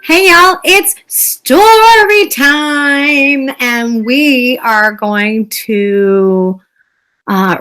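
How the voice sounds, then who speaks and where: A woman's voice: a little high, fairly bright tone. A woman hosting story time for children, reading a picture book aloud with chatty, playful asides.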